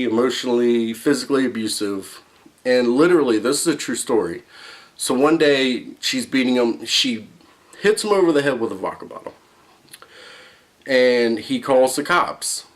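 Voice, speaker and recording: Male vlogger, medium pitch, informal rant, emphatic delivery, swearing, rhetorical questions.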